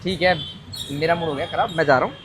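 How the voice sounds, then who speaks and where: Fast-talking insistent man outdoors. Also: fairly high pitch, a crowd in the background. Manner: insistent, repeats himself when upset. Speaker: vlogger being pranked. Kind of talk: casual heated conversation. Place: outdoors on muddy ground. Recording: background music over the talk.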